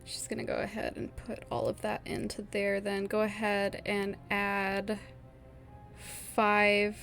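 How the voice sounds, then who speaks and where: A woman narrating as game master of a tabletop role-playing game, soft-spoken and often laughing. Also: medium pitch, completely flat delivery, slow, faint music behind.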